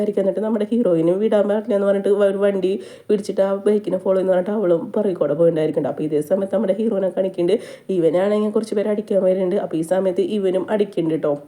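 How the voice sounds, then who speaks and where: A woman, casually retelling a drama plot in rapid chatty storytelling. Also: medium pitch, warm tone. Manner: rapid chatty retelling, frequent tag "ട്ടോ". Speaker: movie recap narrator.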